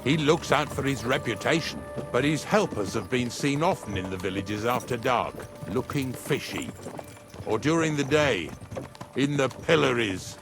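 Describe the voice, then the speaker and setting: An actor playing a gruff, talkative older rustic wagon driver in a medieval video game, with a folksy, rambling manner. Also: male voice, medium pitch, expressive, normal speed. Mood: chatty, grumbling. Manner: folksy, rambling, plain-spoken. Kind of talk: video game dialogue acting. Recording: music behind the voice.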